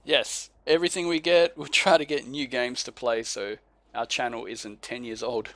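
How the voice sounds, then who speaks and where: This podcast co-host, an Australian man, keeps the casual chat laid-back, chuckling and tripping over names when he reads them aloud. He speaks at a moderate pace in a steady, mid-range voice that's a bit bright.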